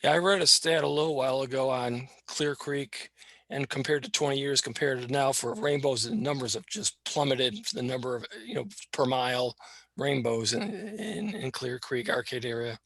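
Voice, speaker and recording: Bright, gravelly man, dry sound. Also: medium pitch, lively intonation, normal speed, no echo. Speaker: club member. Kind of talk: casual discussion.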